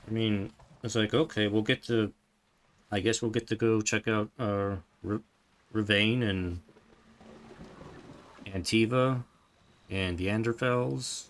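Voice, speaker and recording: Brief: man, lowish voice, rambling gamer commentary, faint background hum. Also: fairly even intonation, takes it slowly, pauses often. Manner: rambling, chatty, trails off mid-thought. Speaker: gameplay streamer. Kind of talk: casual gameplay commentary.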